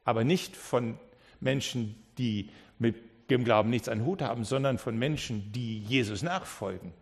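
A man preaching a sermon as a pastor, telling the story in a lively way, often restarting and repeating words as he goes. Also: medium pitch, normal speed, vocal fry, husky. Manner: lively storytelling that acts out the characters.

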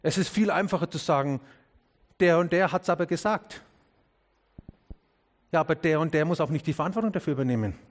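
A man's voice: a little fast, pauses often. A man preaching a sermon to his congregation, asking questions earnestly and speaking to them directly. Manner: drops low and quiet on key words, rises when urging. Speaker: pastor.

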